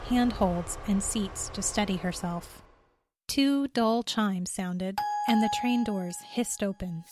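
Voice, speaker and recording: A woman narrating a scripted story in a steady, even reading voice. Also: medium pitch, background noise.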